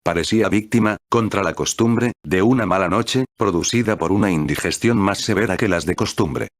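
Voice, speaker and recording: A man reading a classic story aloud in measured, steady narration. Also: deep voice, no echo, clean studio sound.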